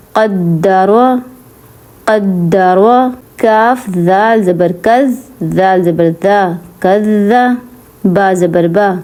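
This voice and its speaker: Mellow-voiced woman teaching Quran reading. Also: medium pitch. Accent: Pakistani Urdu. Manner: patient, repetitive, drawn-out spelling of syllables. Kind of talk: slow syllable-by-syllable lesson with quick explanations.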